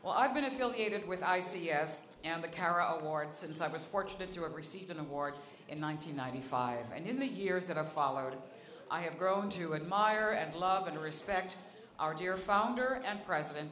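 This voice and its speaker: A presenter introducing the evening's founder in a warm, admiring tone, at a mid pitch. The voice rings in an echoing hall. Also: expressive, normal speed. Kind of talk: formal introduction speech. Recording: echoey banquet hall.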